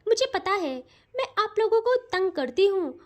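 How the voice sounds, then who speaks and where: A young woman, fiercely protective and quick to plead, with a very high, light voice, as a woman storyteller puts her on. She talks insistently and emotionally. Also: sing-song.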